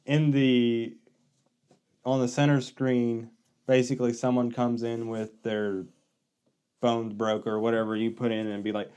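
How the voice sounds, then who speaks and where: A man's voice: medium pitch, little pitch movement, measured pace, dark tone, clear, resonant tone. A man hosting a podcast, listening closely, summing up and asking follow-up questions in casual chat. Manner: attentive, sums up and asks follow-ups. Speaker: podcast host.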